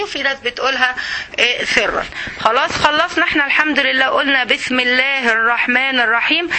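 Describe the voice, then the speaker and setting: A woman with an Egyptian accent teaching a religious lesson to women, often asking "okay?" and slowing down to recite verses. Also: high voice, sharp tone, slight background noise. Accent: Egyptian Arabic. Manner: explains, asks "okay?" often.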